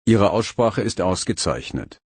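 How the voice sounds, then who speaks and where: Slowly and evenly, a man with a somewhat low, husky, breathy voice works through practice phrases for learners, stopping after each one and reading with care. The sound is close-miked and dry, lacking any room sound.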